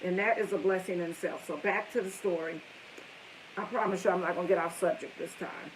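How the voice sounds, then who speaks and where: A woman in her fifties live streams a story to her viewers, chatting and rambling off topic and often turning to talk with her family. Her voice is on the low side, fairly even and brisk. The audio is poor, with slight background noise.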